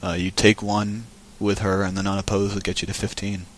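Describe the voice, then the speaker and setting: A man's voice: low-pitched, flat delivery, a little fast, fairly bright tone, a little hiss or hum. A man giving casual, chatty commentary on a card game match, thinking aloud as he goes.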